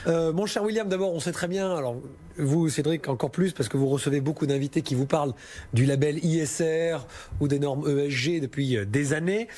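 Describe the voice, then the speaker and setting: A man's voice: a little high, fairly quick, a little mellow. A man working as a financial adviser, explaining investments on a listener question show in a chatty, informal way with frequent hesitations.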